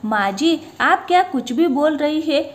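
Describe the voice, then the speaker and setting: A woman voicing a gentle young daughter-in-law who pleads softly in a spoken story. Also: sits high, animated, measured pace, pitched above the performer's own voice. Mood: pleading gentle. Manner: soft, pleading.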